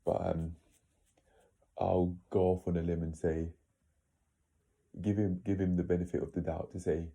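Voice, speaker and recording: Very deep, dark-voiced man rambling bluntly. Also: little pitch movement, normal speed, gravelly, husky. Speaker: video creator. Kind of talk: casual opinionated monologue to viewers.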